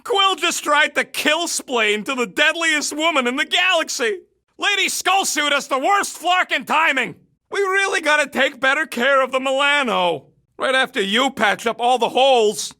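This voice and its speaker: Video game raccoon mercenary, cocky and irritable, high forceful voice, rough street-tough edge, sarcastic slangy wisecracks. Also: male voice, moderate pace, full character voice. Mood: taunting, agitated. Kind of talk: video game character barks.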